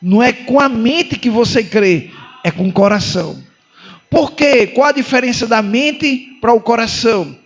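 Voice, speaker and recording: A man's voice: very high voice, moderate pace, highs cut off. A man with a Brazilian Portuguese accent preaching a sermon as a pastor, fervent and emphatic, repeating phrases and calling listeners brother. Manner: fervent, emphatic repetition, calls listeners "irmão".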